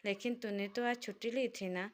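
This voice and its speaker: A woman voicing a gentle young wife who soothes her friend in a spoken story. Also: medium pitch, steady tone, normal speed, natural voice. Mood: soothing. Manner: soothing, placating.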